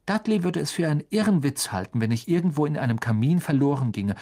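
A man's voice: a little high, animated, fast, warm tone, voice pushed up. A man voicing a polite, nervous young wizard boy in a storybook. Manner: hesitant and polite.

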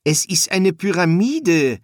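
A man voices an earnest young architect's son, explaining things patiently and matter-of-factly. He uses an exaggerated, high-pitched voice above his own natural pitch, with big pitch swings and a slow pace, in a dry, studio-quality recording.

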